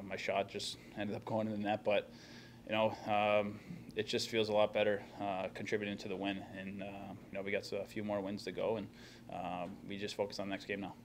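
A young man who plays hockey talks to reporters after a game through the table microphone before him. His voice is lowish and somewhat dark, his answers plain and peppered with fillers and restarts, over slight background noise.

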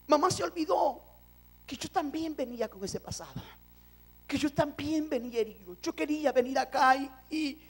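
Male preacher from El Salvador, very high voice, impassioned testimony sermon to a congregation. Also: darkish tone. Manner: impassioned, addresses congregation as brothers.

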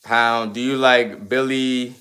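A man's voice: medium pitch, fairly even intonation, slow pace, sharp tone. A man in his twenties livestreaming, reading viewer comments aloud and answering them in loose, slangy, sometimes ranting casual chat. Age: 20s.

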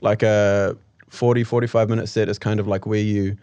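A man's voice: fairly low pitch, flat delivery, moderate pace, warm tone, dry recording, dull audio. Podcast host guy, casual questions, lots of yeah yeah, dry mic. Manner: friendly, frequent backchannel yeahs. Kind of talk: casual interview chat.

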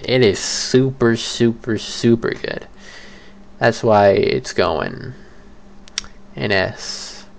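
A man's voice: mid-range voice, vocal fry. A young man rambling casually through a solo ranking video, often correcting himself mid-sentence. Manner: rambling, self-correcting, chatty. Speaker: creator ranking fast food.

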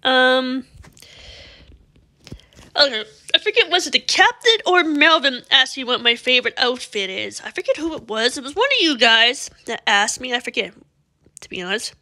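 A woman's voice: high-pitched, animated, normal speed, bright, forceful tone. A woman giving casual, rambling commentary over a game she is playing, often stopping herself mid-sentence. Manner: rambling, chatty, self-interrupting. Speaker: gameplay video host.

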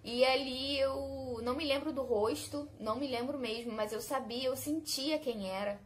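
Young Brazilian woman, higher voice, heartfelt personal testimony with faint background hiss. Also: moderate pace. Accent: Brazilian Portuguese. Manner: heartfelt, conversational, often addresses listeners directly. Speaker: channel host sharing a testimony. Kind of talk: personal faith testimony told to viewers.

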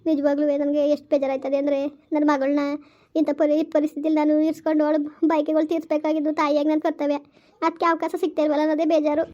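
A woman's voice: high voice, level tone, fast, warm tone, close to an everyday voice. A woman playing a grieving village mother. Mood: sorrowful. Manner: sorrowful, complaining. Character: grieving village mother, weary, self-pitying. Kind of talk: amateur village family drama. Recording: lo-fi dull recording.

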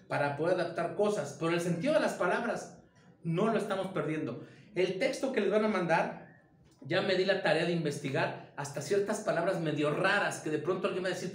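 A high-voiced man gives an informal acting lesson as a theater director. He talks emphatically and keeps throwing out rhetorical questions. His voice rings a little in an echoey room.

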